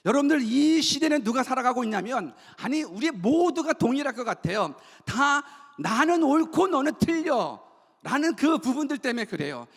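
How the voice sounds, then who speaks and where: A male pastor preaches in a very high voice, asking his congregation question after question and having them repeat lines back. His voice rings with the long reverb of a church sanctuary. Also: big pitch swings, normal speed, gravelly. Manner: asks the congregation many rhetorical questions; leads call-and-response repetition. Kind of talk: sermon.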